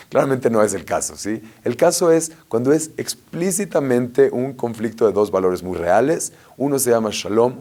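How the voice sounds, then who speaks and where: A rabbi giving a lively Torah lesson, telling stories and asking rhetorical questions. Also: male voice, medium pitch. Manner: animated storyteller, asks rhetorical questions.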